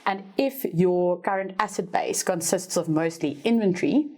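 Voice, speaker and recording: A South African woman whose first language is Afrikaans explains business figures at a normal pace in her low voice, appearing as a finance expert guest and former university lecturer on a podcast. Her relaxed, teacherly tone stays upbeat as she laughs at herself and corrects slips mid-sentence.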